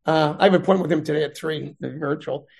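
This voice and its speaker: A middle-aged man, a veteran and math instructor, chatting in an interview with animated, rambling storytelling. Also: fairly high pitch, very fast, creaky, breathy edge. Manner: rambling, animated retelling with voiced quotes.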